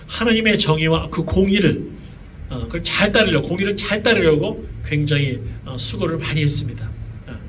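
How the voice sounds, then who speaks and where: A middle-aged man preaching a sermon with a high, light voice, asking the congregation one question after another and talking in a loose, chatty way. He sounds set back from the microphone, and a faint hum of the room sits under his words. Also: fairly bright tone. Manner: conversational preaching with many fillers and rhetorical questions. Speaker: pastor. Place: church sanctuary. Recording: voice from a distance, faint room noise.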